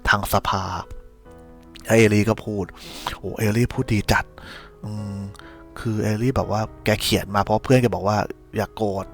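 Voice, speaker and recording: A man's voice: fairly low pitch, fairly even intonation, moderate pace, faint music behind. A man hosting a podcast, telling a casual spoiler recap of a series in a rambling, slangy way with many restarts. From Thailand.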